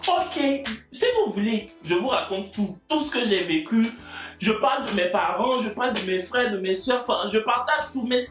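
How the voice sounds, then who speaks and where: A man's voice: sits high, moderate pace, a bit bright, soft background music. A man in his twenties with an Ivorian French accent, answering viewer questions in a joking, mock-boastful way. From Côte d'Ivoire. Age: 20s. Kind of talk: comic Q&A vlog. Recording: echoey room.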